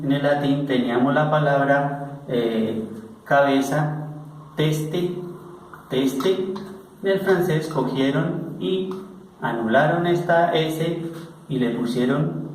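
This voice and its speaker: A man teaching a French lesson online, speaking slowly and patiently and repeating each example word several times. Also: mid-range voice, darkish tone, slight background noise. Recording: very echoey bare room.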